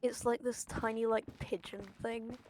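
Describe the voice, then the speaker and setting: A woman's voice: fairly high pitch, flat delivery, moderate pace, very noisy. A young British woman with a lisp that slushes her s sounds, chatting casually while streaming a game in a rambling, sweary, exclamatory way. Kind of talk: casual chat while gaming.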